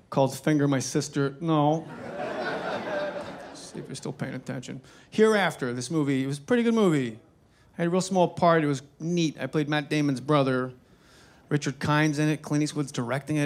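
Animated stand-up comic telling a story. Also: male voice, on the high side, slight background noise. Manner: animated, incredulous, swearing, jumps into voices. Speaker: stand-up comedian.

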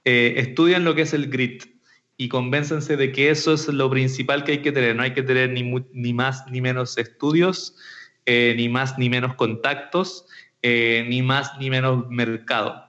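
A man from Chile answers as a guest on an interview podcast, halting and repeating words as he thinks. His voice sits at a middle pitch. The audio comes through slightly dull and muffled, like a remote connection. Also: steady tone, fairly bright tone. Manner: hesitant, many fillers and repeated words. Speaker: entrepreneur guest.

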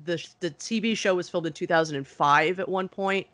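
A man with a notably high-pitched voice conducts a casual interview in a dry recording. He is agreeable and deferential, picking his way hesitantly toward each question. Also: normal speed, fairly bright tone, dry recording.

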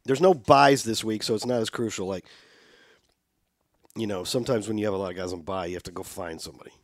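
A man's voice: fairly low pitch, fast, dry recording, clean studio sound. A man co-hosting a podcast, chatting casually about football and reading listener emails aloud. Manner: conversational, reads listener letters aloud. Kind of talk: casual sports chat.

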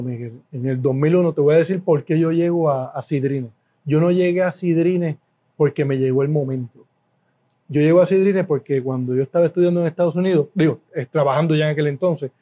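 A middle-aged Puerto Rican man speaks as an interview guest, a little high in pitch but soft and mellow in tone. He tells stories with animation, stacking repeated words for emphasis and laughing now and then. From Puerto Rico. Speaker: guest, food business owner. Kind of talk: casual interview storytelling.

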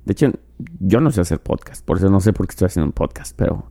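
Man, Mexican accent, dark mellow voice, rambling self-mocking podcast host, profane joking. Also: deep voice, lively intonation, fast talker, creaky, slightly rough. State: drinking mezcal while talking. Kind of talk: casual solo podcast monologue.

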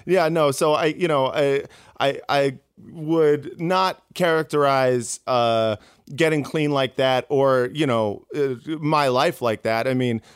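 A comedian guest in a casual interview, rambling with many fillers and restarts. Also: male voice, medium pitch, smooth, no room sound, studio quality.

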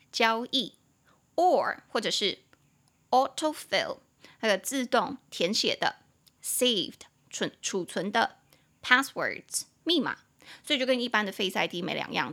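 Lady teaching english words, bright tense voice, lively, spells stuff out. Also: mid-range voice. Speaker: English teacher, podcast host. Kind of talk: podcast English lesson.

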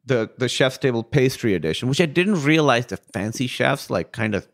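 A man's voice: medium pitch, animated, normal speed, vocal fry. A man co-hosting a podcast in casual chat, with wry, joking banter. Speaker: podcast co-host.

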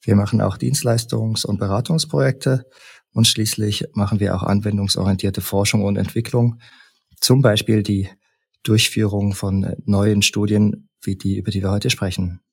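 A man from Leipzig, a researcher and lecturer, calmly explaining study results point by point as a podcast guest. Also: on the low side, gravelly, breathy edge. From Leipzig, Germany. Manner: measured, structured, lists points in order. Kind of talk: explanatory interview talk.

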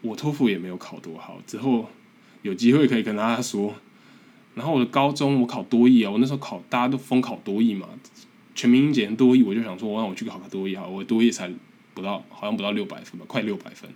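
A man's voice: lowish voice, fast, dark tone. A man in his twenties from Taiwan with a Taiwanese Mandarin accent, hosting a casual podcast monologue in an earnest, encouraging, self-deprecating way. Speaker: podcast host.

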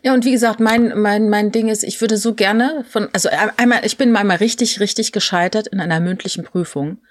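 Eine Frau mittleren Alters erzählt lebhaft und mit vielen Füllwörtern eine persönliche Geschichte im lockeren Gespräch. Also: female voice, mid-range voice, brisk, no echo, clean studio sound. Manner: animated storytelling with many fillers and quoted voices. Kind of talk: casual conversation, personal anecdote.

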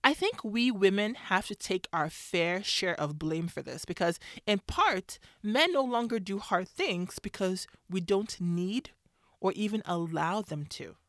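A woman's voice: medium pitch, animated, measured pace, a bit bright, no echo, studio quality. A woman telling a personal story about her marriage in a conversational way, sometimes acting out what others said. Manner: conversational, acts out quoted voices. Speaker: speaker sharing a faith-based marriage story.

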